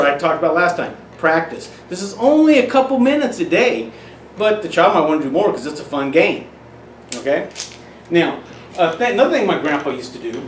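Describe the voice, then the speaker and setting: A middle-aged man giving parents casual, folksy tips on teaching children numbers, often restarting his phrases. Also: a little high. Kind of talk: casual instructional demonstration. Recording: roomy echo, off-mic, faint hiss.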